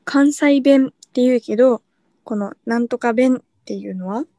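A woman with a fairly high yet mellow voice co-hosts a casual podcast. She reads out questions and explains words at an easy pace. The recording is dry and close. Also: normal speed, dry recording. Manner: relaxed, reads out questions and prompts her partner. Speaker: podcast co-host.

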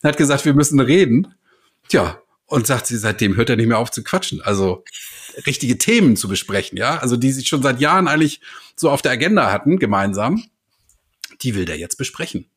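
A man in casual conversation, telling stories in an animated way and acting out the people he quotes. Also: mid-range voice, brisk, husky. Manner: animated storyteller, acts out quoted voices. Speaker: hypnotist and podcast host guest.

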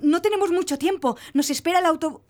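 Woman acting out a jealous inspector, high voice, fierce and possessive. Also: fast, a little mellow.

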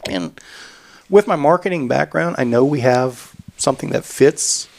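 Man, gravelly voice, middle pitch, rambling casual podcast talk, event organizer. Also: moderate pace. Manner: rambling, repeats words while explaining.

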